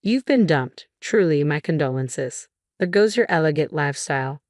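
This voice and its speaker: A woman's voice: sits low, lively intonation, moderate pace, a little mellow, no room sound, studio quality. A woman voicing a smug, scheming younger sister who gloats and taunts. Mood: gloating.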